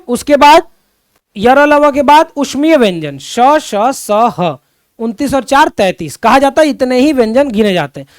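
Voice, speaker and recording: A man's voice: very high voice, clean tone, dry recording, clean studio sound. A man teaching Hindi grammar to students in an online lesson, often repeating his questions and calling his students children. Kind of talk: classroom-style online lesson.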